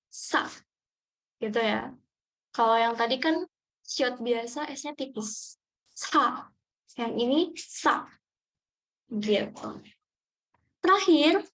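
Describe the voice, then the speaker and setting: Slow, high-voiced woman teaching a class. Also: poor audio. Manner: patient, repeats each sound slowly for students. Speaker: Korean language teacher. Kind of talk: online language class.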